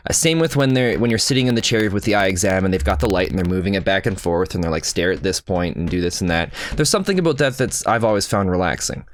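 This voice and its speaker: A man's voice: fairly low pitch, animated, fast, few pauses. A young man co-hosting a podcast, chatting casually with lots of fillers and easy laughs. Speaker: podcast co-host. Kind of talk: casual chat. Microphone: podcast microphone.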